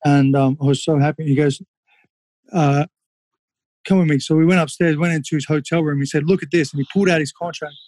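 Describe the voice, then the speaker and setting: A man's voice: a little high, flat delivery, fast talker, a little mellow, no echo. A man, a former kickboxer, telling stories in a casual interview, candid and swearing freely with lots of fillers.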